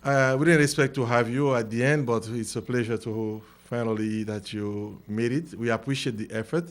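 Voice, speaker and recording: A man from Haiti co-hosting a talk show with easy, jovial banter. He tells anecdotes and breaks into laughter at his own jokes. His voice sits at a middling pitch. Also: fairly even intonation, moderate pace. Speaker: co-host.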